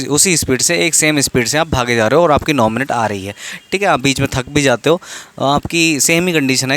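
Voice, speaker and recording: Young man, mid-pitched, informal coaching talk, frequent "theek hai" check-ins. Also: fairly bright tone. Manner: informal, repeats "theek hai", restarts words. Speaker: exam coaching vlogger. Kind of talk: casual advice talk.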